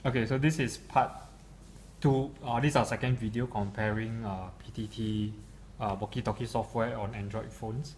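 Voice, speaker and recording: Recorded in a clearly noisy room, a man with a lowish, darkish voice explains software in an unscripted product demo. He speaks at normal speed with fairly even intonation, but hesitantly, in a stop-and-start way.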